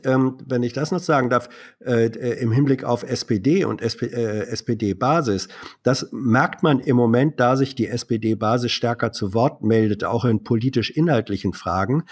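Older husky man, deliberate formal talk. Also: mid-range voice, darkish tone. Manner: deliberate, formal phrasing with hesitations. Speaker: guest on a political podcast. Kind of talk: casual political discussion.

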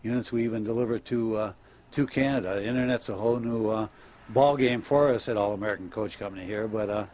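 A man's voice: on the low side, a little mellow. An older man being interviewed live for TV about his business, speaking plainly into a reporter's handheld mic with many hesitant "uh"s. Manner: plain, halting talk with many "uh" fillers. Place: outdoors on an RV lot, then inside an RV.

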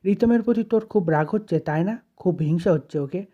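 A narrator reading the lines of a calm, self-sacrificing elder brother and husband in their own plain voice. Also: male voice, high voice, a little fast, muffled recording. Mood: gentle. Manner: gentle, reassuring lines read plainly.

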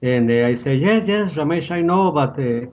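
A man in his sixties speaks English with a Costa Rican Spanish accent, his native tongue still shaping the words. He talks in halting, searching phrases full of pauses and restarts. The sound is slightly muffled and lo-fi. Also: a little high, animated, a little mellow. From Costa Rica. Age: 60s. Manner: halting, many "uh" fillers and restarts. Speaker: guest. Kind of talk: casual interview, personal story.

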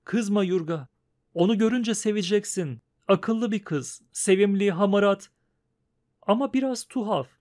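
A man voicing a gentle, anxious farmer's wife who speaks softly and pleadingly, in an audiobook. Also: high-pitched. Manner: soft, pleading and coaxing.

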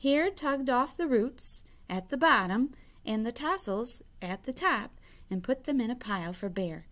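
A woman's voice: fairly high pitch, lively intonation, unhurried, a bit bright. A middle-aged woman, a teacher, reading a children's story aloud expressively in a classroom. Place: indoor classroom.

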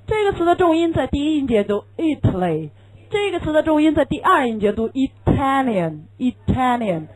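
Very animated and fast, with hardly any pauses, a high-pitched woman delivers an English classroom lecture in a rough recording. She's a first-language Chinese speaker who explains patiently, uses rhetorical questions, and drills key phrases.

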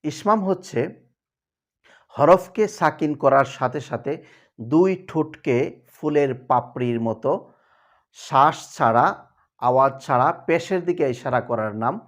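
A medium-pitched man presents a televised lesson on how to recite the Quran properly. Each rule is explained in steps, with verses chanted slowly as demonstrations.

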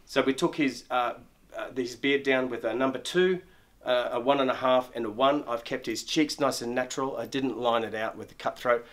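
A man's voice: mid-range voice, moderate pace, hardly any pauses. Middle-aged male barber, mid-range voice, hands-on instructional patter with lots of self-corrections, recorded on a lapel mic in a shop. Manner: explains while working, frequent restarts and repeated words. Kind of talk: step-by-step grooming demonstration.

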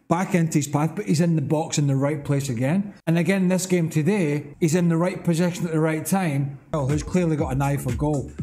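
A man's voice: fairly high pitch, mellow. A middle-aged man giving blunt, emphatic football analysis in a TV studio. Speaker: football pundit. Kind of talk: TV studio punditry.

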